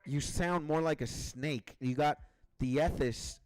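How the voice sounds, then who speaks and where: A man's voice: a little high, slow, no echo. Venezuelan-accented young man, casual streamer. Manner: rambling, loose, slangy. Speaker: game streamer. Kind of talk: casual chat while gaming. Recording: game music playing behind. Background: clear background music.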